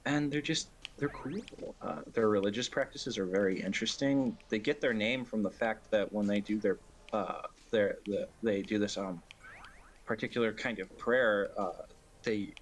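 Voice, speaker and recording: A man's voice: on the low side, moderate pace. A man streaming a speedrun, chatting loosely with friends and swearing a lot as he muses. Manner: loose, profane, musing. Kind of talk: casual chat.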